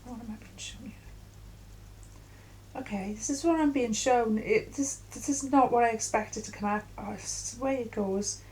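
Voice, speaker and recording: A middle-aged woman giving an intuitive tarot reading in a musing, halting way with many fillers. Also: on the high side, a little mellow, a little hiss or hum, rough recording. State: coughing at times. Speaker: tarot reader.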